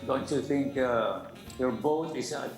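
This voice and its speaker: A man's voice: medium pitch, unhurried, reverberant, faint music behind. A man co-hosting an interview, asking questions in a rambling, hesitant way. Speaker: co-host.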